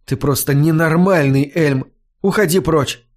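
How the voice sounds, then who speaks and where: A man voicing a gentle young female singer in an audiobook, pleading and then firm. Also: fairly high pitch, measured pace, natural voice. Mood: stern, angry. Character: gentle young woman singer, later stern.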